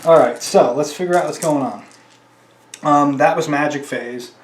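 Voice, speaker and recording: A man's voice: a little high, moderate pace, echoey room, a little hiss or hum. A man playing a tabletop wargame, counting dice aloud and talking casually to viewers as he plays. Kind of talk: casual play-by-play of a tabletop battle.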